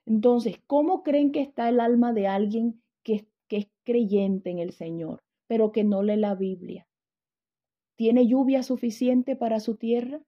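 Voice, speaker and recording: A woman's voice: fairly high pitch, a little slow, highs cut off. A woman teaching a Bible lesson, telling stories and putting questions to her class.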